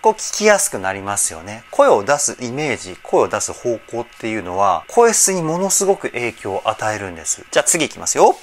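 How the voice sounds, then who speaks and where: Lively admiring male voice coach. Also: mid-range voice, brisk, hardly any pauses, soft background music. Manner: admiring, explains patiently with many fillers. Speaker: voice trainer. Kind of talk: casual vocal analysis commentary.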